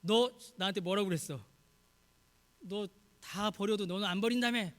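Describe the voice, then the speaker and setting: A man acting out Jesus speaking to a disciple in a plain, lower conversational voice during a sermon. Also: moderate pace, close to an everyday voice. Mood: reproachful.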